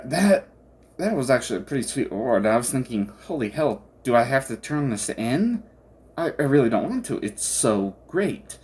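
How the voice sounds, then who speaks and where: This is a casual game commentator who rambles through thoughts in a halting way. The pitch is lively and swings widely. Sentences often trail off and get picked up again, as in an unscripted discussion.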